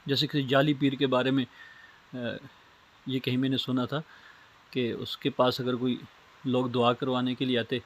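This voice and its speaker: A man's voice: medium pitch, level tone, long pauses, a little hiss or hum. A man from Pakistan lecturing on Islamic studies, explaining step by step with simple everyday examples. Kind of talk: recorded lecture.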